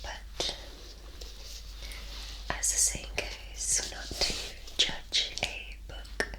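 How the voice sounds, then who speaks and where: A woman doing a whispered role-play as a polite, helpful librarian, unhurried and reassuring. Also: rough recording. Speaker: ASMR performer playing a librarian.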